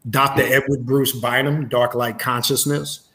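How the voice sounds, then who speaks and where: A man as a guest on a casual livestream interview, explaining at length in a measured way with frequent "uh" and "um". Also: mid-range voice, little pitch movement, bright, forceful tone, slight background noise.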